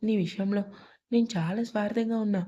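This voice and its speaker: A woman's voice: mid-range voice, fairly even intonation, brisk, warm tone, dull audio, a little hiss or hum, lightly acted. A woman voicing a remorseful middle-aged mother-in-law in an audio story, speaking in a tearful, pleading way.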